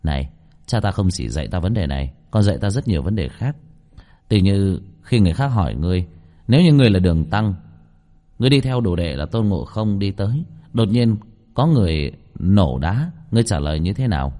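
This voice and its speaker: A man's voice: low voice, expressive, a little fast, warm tone. A man voicing a cheeky young man who teases and mocks in a smug tone. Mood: teasing. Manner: mocking, smug. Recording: long reverb.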